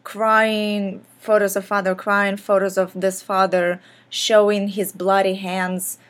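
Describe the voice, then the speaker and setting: A woman's voice: medium pitch, flat delivery, takes it slowly. Young woman from ukraine podcasting, earnest casual chat, lots of likes and ums. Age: young adult. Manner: earnest, frequent fillers like "like" and "um". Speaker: podcast host. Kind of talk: casual personal podcast talk.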